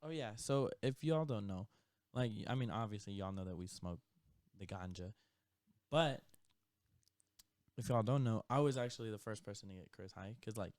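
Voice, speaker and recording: A man's voice: lowish voice, lively intonation, normal speed, long pauses, a little mellow, no room sound, clean studio sound. A young man co-hosting a podcast, telling stories in a laid-back way and laughing often. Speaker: podcast co-host. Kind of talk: casual chat.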